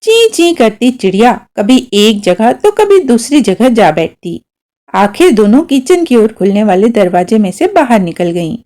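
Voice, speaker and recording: A woman reading a short story aloud as narrator, with expressive storytelling. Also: a little high, a little slow.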